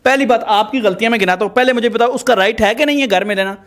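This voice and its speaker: A man with a noticeably high voice acts as host and mediator in a confrontational reality-style show. He talks to the couple in an emphatic, moralizing way, scolding and instructing them. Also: fairly bright tone.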